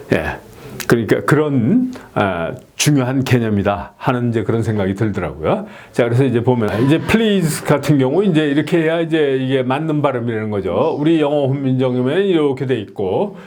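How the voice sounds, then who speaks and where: A man's voice: mid-range voice, a little mellow. A Korean man lectures on his own pronunciation method. He keeps asking his listeners to confirm and repeats each practice word several times. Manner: slow, deliberate drilling of single words. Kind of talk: video lecture explaining slides.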